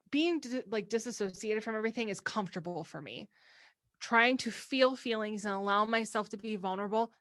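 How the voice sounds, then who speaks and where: A woman's voice: medium pitch, a bit bright, no echo. Woman, thirties, podcast host, candid casual chat, dry close sound. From American Midwest. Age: 30s. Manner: candid and talkative, with frequent laughs.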